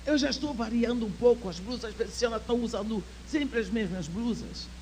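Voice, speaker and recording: A slightly fast, high-leaning voice belongs to an older woman speaking at a church women's conference, with slight background noise in the audio. She tells her personal story with feeling, shifting from near-whispers to rousing exhortation.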